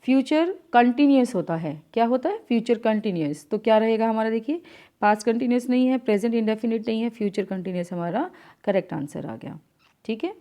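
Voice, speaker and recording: A woman teacher, explaining answers to an English exam step by step, reading the English questions out slowly. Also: on the high side, mellow. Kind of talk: exam answer key lesson.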